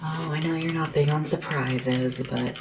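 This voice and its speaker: Here the same woman voices a small, gentle, devoted helper to a dragon monarch, her tone steady, low and soft, frequently slipping into a whisper. She sounds playful and caring, unhurried and deferential. Tapping and a background hiss come through clearly on the lo-fi track.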